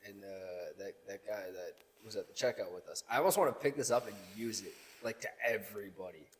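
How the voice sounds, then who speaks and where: A man's voice: fairly low pitch, animated, big-room sound, low-quality recording. A man co-hosting a casual podcast, telling stories in a profane, easygoing way. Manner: quick, profane storytelling. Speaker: podcast co-host.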